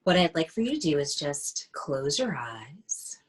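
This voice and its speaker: A woman leading a guided meditation in a soft, soothing, half-whispered voice. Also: sits low, big pitch swings, unhurried.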